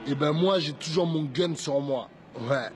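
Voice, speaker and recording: A man's voice: fairly high pitch, measured pace, background noise, natural voice. An actor playing an armed robber casually demanding another man's money. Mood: threatening.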